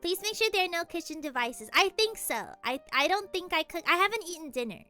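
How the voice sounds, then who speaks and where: Bright high-voiced young woman, rambling chat. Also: expressive, faint music behind. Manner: fast, rambling talk with frequent laughter. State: sleepy. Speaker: streamer. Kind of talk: casual chat.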